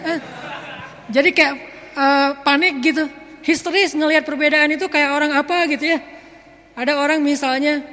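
A man preaching a sermon in a relaxed, joking way, acting out little everyday scenes. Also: extremely high pitch. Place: mosque hall. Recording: echoey mosque hall.

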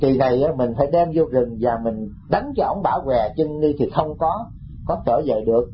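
A man's voice: mid-range voice, expressive, moderate pace, dull audio, a little hiss or hum, lightly acted. A male monk voicing a resentful wife plotting against her in-laws, in a raised voice. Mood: spiteful. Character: scheming, resentful young wife.

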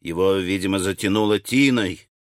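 A man's voice: sits low, moderate pace, dry recording, clean studio sound, lightly acted. A male audiobook reader voicing a hasty young man who blurts things out eagerly. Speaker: audiobook character. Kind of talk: audiobook character reading.

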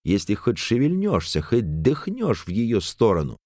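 A man voicing a cold, furious woman who heads the village, speaking in an icy, cutting, deliberate way. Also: on the low side, steady tone, a little mellow, clean tone, dry recording, studio quality, natural voice. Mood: cold fury.

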